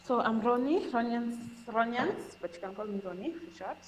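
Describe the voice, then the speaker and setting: A woman's voice: fairly high pitch, expressive, moderate pace, a little hiss or hum, rough recording. A woman from Kenya with a Kenyan accent, a podcast guest explaining earnestly in casual conversation and often repeating words.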